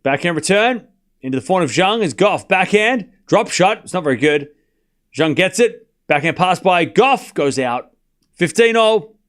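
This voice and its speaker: An Australian man gives casual live tennis commentary, teasing and boasting while talking straight to his chat. His voice is high-pitched and a bit bright, with lively intonation at a moderate pace.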